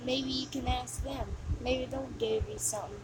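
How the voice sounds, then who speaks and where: In noisy amateur home recordings of video game voice lines, a woman plays a mocking, sneering demon who taunts the player. Her voice sits high with a steady tone, close to how she'd normally talk. She sounds bored and exasperated, delivering scornful jabs with long, drawn-out sighs.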